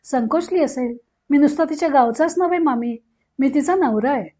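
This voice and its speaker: A woman's voice: high-pitched, moderate pace, mellow, close to an everyday voice. A woman reading as a polite, humble husband. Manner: polite and earnest. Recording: dull lo-fi recording.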